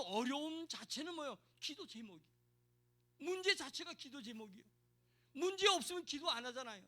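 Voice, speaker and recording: A middle-aged pastor preaching a sermon, emphatic and calling out to the congregation for responses. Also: male voice, extremely high pitch, sharp tone.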